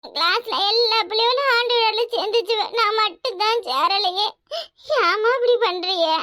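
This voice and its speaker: A woman's voice: extremely high pitch, normal speed, pushed and bright, no room sound, clean studio sound. A woman voicing a tearful young schoolgirl of about thirteen in a cartoon, with a Kanyakumari Tamil accent and a whiny, begging way of talking. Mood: complaining. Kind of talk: cartoon voice acting.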